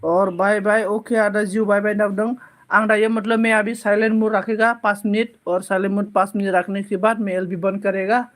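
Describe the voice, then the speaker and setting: A man with a Bodo accent and Bodo as his first language hosts a casual livestream, reading out viewer comments slowly and haltingly, with many fillers and repeated thanks. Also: sits high, little pitch movement, fairly bright tone. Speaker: livestream host.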